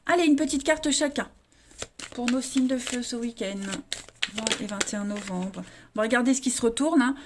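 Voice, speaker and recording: High-voiced chatty tarot reader woman. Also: moderate pace, background noise. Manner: chatty, many fillers and restarts, addresses viewers as friends. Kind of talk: casual tarot reading for viewers.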